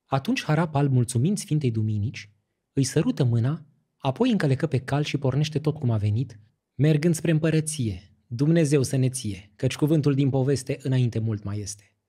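Brief: male audiobook narrator, mellow and husky, expressive fairy-tale reading. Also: mid-range voice. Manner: lively, expressive storytelling. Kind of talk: scripted storytelling narration.

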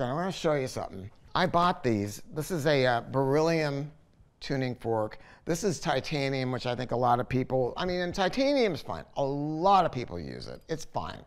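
Sitting in his home listening room, an older man with a fairly high-pitched voice talks through a product review for the camera. His delivery is conversational and opinionated, with repeated words used for emphasis.

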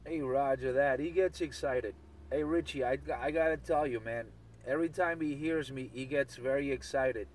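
Over a distant CB radio transmission, with outdoor vehicle sound and crowd noise, a male operator chants the same slangy catchphrases again and again. His voice is medium-pitched and his pace moderate as he bantering casually.

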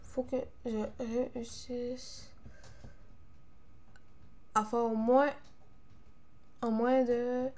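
A woman's voice: fairly high pitch, little pitch movement, extremely slow, long pauses, a little mellow, a little hiss or hum. A young woman with a Quebec French accent doing casual gaming commentary, frustrated, grumbling and swearing as she plays. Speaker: gamer, video creator.

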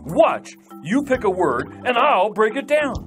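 A woman's voice: a little high, very animated, measured pace, faint music behind. A woman voicing a cheerful, encouraging puppet friend in a children's show, upbeat and coaxing.

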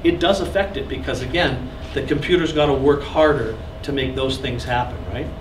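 Speaking at normal speed with a medium pitch, a man in his thirties teaches a live recording workshop, chatty and joking with his audience while gesturing through gear explanations. The seated crowd fills a small classroom. A camera at the back records him from a distance, making it echoey and noisy.

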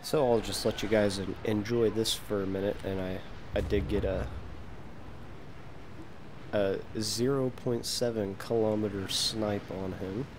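A man's voice: on the low side, fairly even intonation, unhurried, background noise. A young American man giving casual, self-deprecating commentary over gameplay, often trailing off mid-sentence. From United States. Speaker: gaming video creator.

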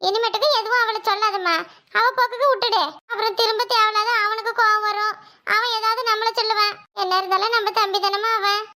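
A woman's voice: very high voice, little pitch movement, fast talker, sharp tone. Woman voicing a pleading elder sister. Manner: pleading, reasoning. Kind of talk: cartoon voice acting.

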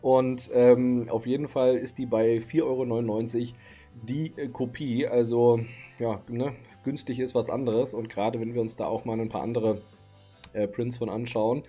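Faint music plays behind a man in his thirties who talks through the card market to camera from his home streaming room. He speaks at a moderate pace with a flat, mellow, mid-range voice that has a breathy edge and sounds tired late at night, and he stays chatty and relaxed with frequent fillers.

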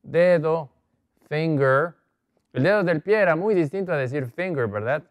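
Slow, patient male language teacher. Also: a little high, lively intonation, dry recording. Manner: slow, patient, repeats each word. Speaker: English teacher. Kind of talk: televised language lesson for Spanish speakers.

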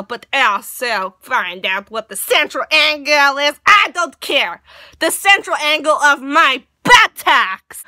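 A woman's voice: on the high side, dry recording, full character voice. A teenage girl voicing an exasperated girl with a thick fake Russian accent, doing a comedic rant with broken grammar. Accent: put-on Russian. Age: teens. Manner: loud mock-serious ranting, broken grammar.

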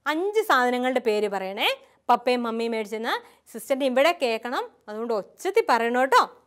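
A woman's voice: fairly high pitch, very animated, moderate pace. A woman who is a nun, teaching a catechism lesson to young children in a sing-song, coaxing tone with a Kerala Malayalam accent.

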